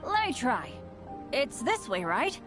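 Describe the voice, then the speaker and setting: A woman's voice: sits high, wildly swooping pitch, takes it slowly, exaggerated voice. A woman voicing an earnest, unlucky young boy adventurer in an anime game, apologetic yet hopeful. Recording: music behind the voice.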